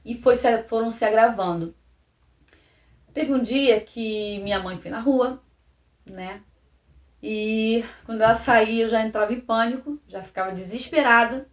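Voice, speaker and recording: A woman with a Brazilian Portuguese accent giving a personal testimony to camera, halting and repeating phrases, often dropping to a soft low voice. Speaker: vlogger. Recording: roomy echo.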